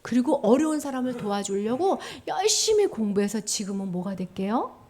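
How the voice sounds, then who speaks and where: A woman giving a children's sermon, telling stories in an animated way and acting out the voices of the people in them. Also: fairly high pitch, moderate pace. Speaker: children's pastor.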